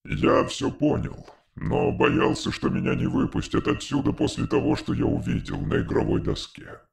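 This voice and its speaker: A man's voice: lowish voice, normal speed, creaky. A man voicing an alien who speaks through a metallic translator machine, in an audiobook reading. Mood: calm. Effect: distant metallic machine voice.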